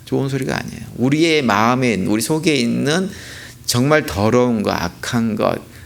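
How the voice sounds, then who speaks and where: Gravelly-voiced Korean pastor preaching. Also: male voice, medium pitch, lively intonation, fairly quick. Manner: preaches with rhetorical questions and emphatic repetition. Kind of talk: sermon. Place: church sanctuary.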